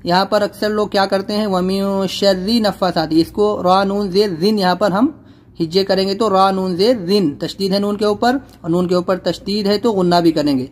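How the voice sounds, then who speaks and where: A man with a fairly high voice teaches Quran recitation in a tajweed lesson. He chants verses slowly and melodically, then explains each sound patiently and repeats words over and over for the learner. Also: steady tone. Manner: slow drawn-out melodic recitation between plain spoken explanation.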